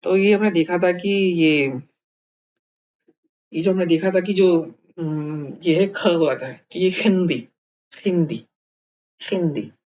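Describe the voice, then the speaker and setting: A man's voice: high voice, unhurried, a little mellow. Man explaining a lesson, dull lo-fi sound. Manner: thinking aloud with many fillers and restarts. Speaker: language teacher.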